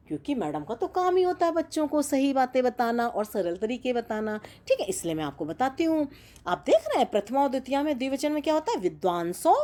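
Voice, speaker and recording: A woman teaching a Sanskrit grammar lesson, chanting word forms slowly and carefully, with an encouraging sing-song manner. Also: fairly high pitch, warm tone.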